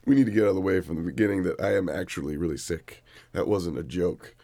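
A hoarse man with a deep, low voice, clearly sick, jokes his way through casual podcast banter. He speaks in a laid-back way. The recording is dry and close, with no room sound. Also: quick pace, dark tone, dry recording. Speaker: podcast co-host. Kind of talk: casual chat.

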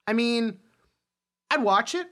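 A man with a very high, somewhat bright and expressive voice co-hosts a podcast about films and comics. He talks slowly but animatedly in a casual way, now and then slipping into mimicry.

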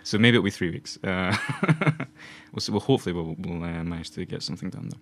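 A man's voice: low-pitched, expressive, a little fast, fairly bright tone. A Glaswegian man in his twenties, co-hosting a casual podcast chat, rambling and laughing often. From Scotland. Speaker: podcast co-host.

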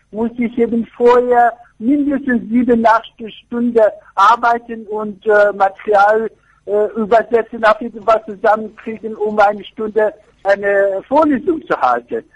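An architecture professor from Afghanistan answers questions as a guest in a radio interview, speaking haltingly as he searches for words in his second language. His voice is high and gravelly, and the sound is lo-fi.

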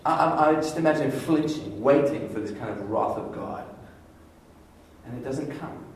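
A man's voice: mid-range voice, normal speed, creaky. Man, sermon, storytelling preacher, distant mic, very echoey hall, faint hum behind. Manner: storytelling, animated, acts out inner thoughts.

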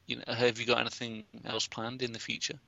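A man's voice: medium pitch, level tone, fast, creaky, bright, forceful tone. A man co-hosting a podcast, asking questions in a hesitant, filler-laden way. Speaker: podcast co-host. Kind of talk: interview questions. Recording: dry lo-fi call audio.

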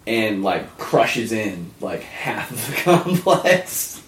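A man's voice: on the low side, big pitch swings, extremely slow, a bit bright, far from the mic. A man running a tabletop game as game master, narrating loosely and laughing often. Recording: echoey room.

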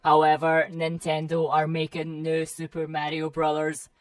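A performer voicing a deadpan robot sidekick with a flat robotic computer voice, speaking from some distance off the mic. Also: mid-range voice, normal speed, dry recording. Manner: deadpan, announces its own programs. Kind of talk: comedy sketch dialogue.

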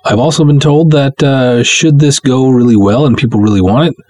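A podcast host, who is also a writer and director, delivers a monologue straight to his listeners, making motivational announcements. His voice is medium-pitched, brisk, and a little mellow, with no echo.

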